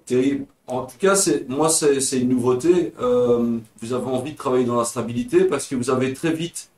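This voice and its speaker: Co-animateur belge enthousiaste. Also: male voice, medium pitch, moderate pace, a little mellow, echoey room. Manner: enthusiastic, repeats words. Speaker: co-host, coach. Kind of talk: casual chat.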